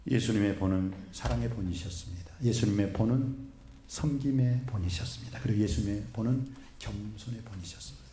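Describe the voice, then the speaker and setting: A man's voice: on the low side, a little fast. A man as a pastor giving a sermon in a church and asking his congregation questions as he goes. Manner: animated, asks the congregation questions. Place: church sanctuary. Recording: echoey church hall with faint noise.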